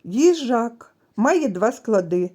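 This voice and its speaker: A woman teaching a literacy lesson to young children, speaking gently and stretching out sounds as she addresses them. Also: on the high side, very animated, slow pace. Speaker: preschool teacher. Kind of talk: slow, clearly articulated literacy lesson for children.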